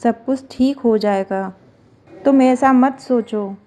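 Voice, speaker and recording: A woman voicing a gentle, soothing elderly mother-in-law in a spoken devotional story. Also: a little high, slow.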